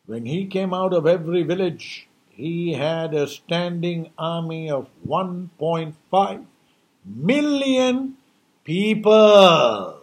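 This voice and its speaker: An emphatic, preachy man with a fairly high voice, delivering an impassioned New Year monologue. He hammers his points home and keeps throwing out rhetorical questions. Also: lively intonation, slow. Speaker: speaker giving a New Year message.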